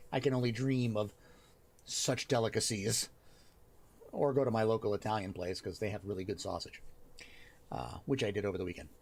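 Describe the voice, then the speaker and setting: A man's voice: on the low side, fairly even intonation, vocal fry. A man hosting a live help stream, chatting casually and thinking aloud as he looks over work on his screen. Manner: thinks aloud, pausing and restarting as he reads. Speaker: host of a writing and worldbuilding help stream.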